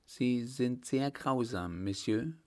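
A man's voice: mid-range voice, slow, natural voice. A man voicing a shy, earnest young woman. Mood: distressed.

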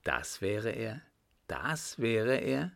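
A man's voice: fairly low pitch, measured pace, creaky, no room sound. A man doing a polite young explorer. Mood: surprised. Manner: polite, short replies. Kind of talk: audiobook reading.

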